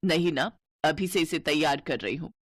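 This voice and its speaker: A woman's voice: low voice, moderate pace, dry recording, studio quality. A woman voicing a harsh, cruel stepmother in a cartoon story, scolding in a bossy way.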